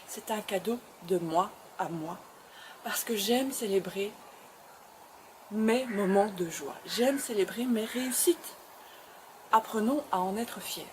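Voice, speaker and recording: A woman's voice: medium pitch, a little mellow, a little hiss or hum. A woman hosting her web show, speaking to camera in an encouraging, emphatic way and often repeating phrases. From Belgium. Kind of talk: motivational address to camera.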